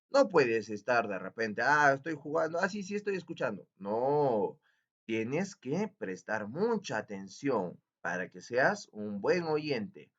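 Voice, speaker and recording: A man teaching a lesson to young children, in a sing-song manner, slowing down to stress key words. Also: fairly high pitch, a bit bright. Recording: dull lo-fi recording.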